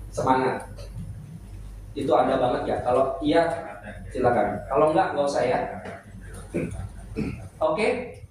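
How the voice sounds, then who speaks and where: A middle-aged man teaching at a church seminar, playful and joking with the congregation. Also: a little high. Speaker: preacher. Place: church hall. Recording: echoey hall, speaker far from mic, noisy.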